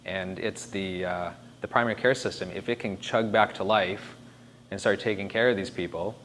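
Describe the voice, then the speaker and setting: A man's voice: deep voice, fairly even intonation, normal speed, a bit bright, low-quality recording. A man giving an informal presentation, conversational and emphatic as he thinks aloud. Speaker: speaker presenting disaster planning. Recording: faint background noise.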